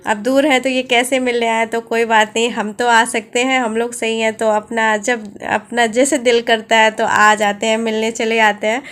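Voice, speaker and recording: Chatty woman vlogger, slightly high voice. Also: flat delivery, normal speed, hardly any pauses, fairly bright tone, clear, resonant tone. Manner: chatty, addresses viewers as guys. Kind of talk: casual family vlog narration.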